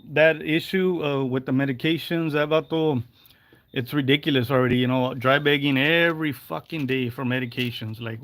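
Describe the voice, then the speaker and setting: A man's voice: mid-range voice, a bit bright, dry recording. A man in his forties ranting on a livestream, heated and profane, slipping in Spanish phrases. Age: 40s. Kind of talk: angry livestream rant.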